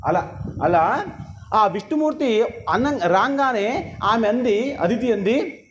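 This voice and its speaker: Male preacher, very high voice, emphatic and lecturing, echoey hall with faint hum. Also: lively intonation, takes it slowly. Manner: emphatic, rhetorical questions, lecturing. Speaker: religious discourse speaker. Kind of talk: sermon. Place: temple hall.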